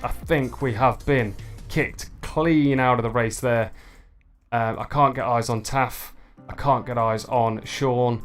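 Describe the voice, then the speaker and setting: A man hosting a livestream, commentating a virtual bike race in a chatty way and talking to viewers. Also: mid-range voice. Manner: excitable, shouts at the finish, chatty with viewers.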